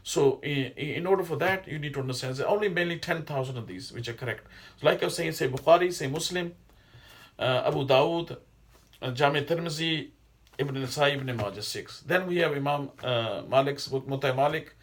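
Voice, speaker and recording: Speaking briskly in a slightly high voice, a middle-aged man who teaches Islam, and who is not a native Arabic speaker, delivers a casual religious lesson. His talk wanders off on tangents and is full of hesitations and restarts.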